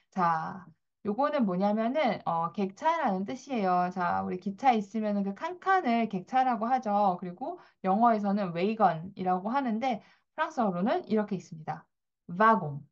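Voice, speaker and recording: A woman's voice: mid-range voice, dull audio. A woman teaching French pronunciation in Korean, patiently saying each word twice for the learner to repeat. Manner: patient, repeats words slowly for practice. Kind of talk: pronunciation lesson.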